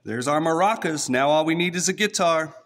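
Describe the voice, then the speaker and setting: A man's voice: on the high side, expressive, fairly quick, fairly bright tone. A man with an East Texas accent chatting casually to his followers while scratching lottery tickets. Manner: chatty, talks straight to followers. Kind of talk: casual play-by-play vlog.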